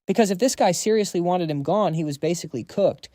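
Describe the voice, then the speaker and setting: A man's voice: sits high, quick pace, mellow, no room sound, clean studio sound. A man narrating a scripted story recap in a slangy, hyped storytelling manner.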